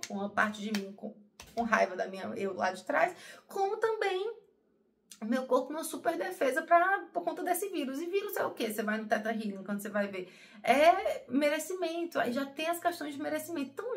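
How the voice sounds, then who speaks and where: A woman talking to her viewers in a personal, emotional monologue. She rambles, repeats herself and often calls her audience "gente". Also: on the high side. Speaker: spiritual channel host.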